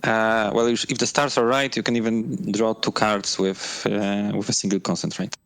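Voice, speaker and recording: Hesitant low-voiced man from Poland. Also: little pitch movement, fairly bright tone, clean tone, no echo, low-quality recording. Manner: hesitant, many fillers and pauses. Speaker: guest player. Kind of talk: casual gaming discussion.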